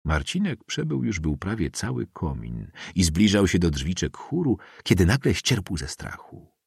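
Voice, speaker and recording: Niski, zachrypnięty lektor audiobooka. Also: male voice, low voice, gravelly, husky, no echo, clean studio sound. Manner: measured, expressive reading. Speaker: audiobook narrator. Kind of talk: scripted literary narration.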